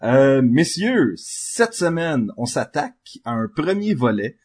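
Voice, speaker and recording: A man's voice: mid-range voice, big pitch swings, takes it slowly, darkish tone, breathy edge. A man with a Quebec French accent hosting a casual podcast chat, hesitant with many fillers. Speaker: podcast host.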